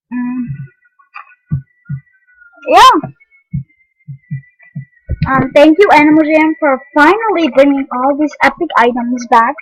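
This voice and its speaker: A woman's voice: sits high, fairly bright tone, no room sound, rough recording. A young woman giving rambling, casual commentary on an online game, full of ums and restarts. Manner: eating while talking. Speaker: game vlogger.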